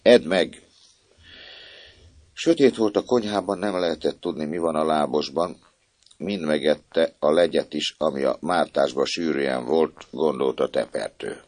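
A man with a very low voice reads a novel aloud, lively in his telling and acting out the scenes. The sound is dry and close-miked, with no room echo. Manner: expressive, acting out the dialogue. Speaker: narrator. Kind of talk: audiobook reading of a novel.

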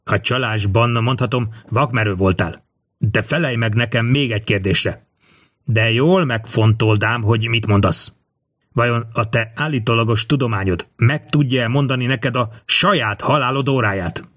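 A man's voice: mid-range voice, fairly bright tone, no echo, close to an everyday voice. Guy reading as a proud old king in captivity, bossy and bitter, dry sound. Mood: angry. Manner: commanding, scornful then pleading. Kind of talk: audiobook character reading.

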